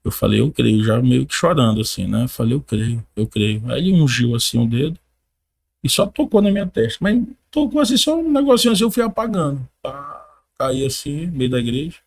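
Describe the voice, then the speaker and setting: A man on a podcast giving his personal faith testimony in casual conversation, a lively storyteller who acts out what others said, with informal slang. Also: mid-range voice, brisk, gravelly. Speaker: podcast guest.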